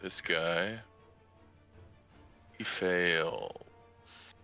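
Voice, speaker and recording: A man's voice: sits low, animated, extremely slow, creaky, pushed and bright, lo-fi sound, faint music behind. A man running a tabletop game over a voice call as dungeon master, narrating enemy turns methodically.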